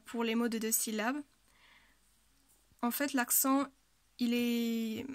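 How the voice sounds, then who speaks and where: A woman's voice: fairly high pitch, no echo. A woman teaching a language lesson, patiently explaining pronunciation rules and repeating example words, with frequent hesitations.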